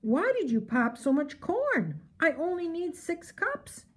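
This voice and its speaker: A woman's voice: very high voice, very animated, slow pace, voice pushed up, full character voice. A woman voicing a busy, polite lady of the house in a children's storybook, exclaiming and giving instructions. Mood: puzzled, correcting.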